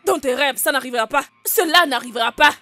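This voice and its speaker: A woman's voice: high-pitched, lively intonation, normal speed, fairly bright tone, faint music behind. A woman voicing a jealous, scheming co-wife in a dubbed film, harsh and threatening. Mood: menacing.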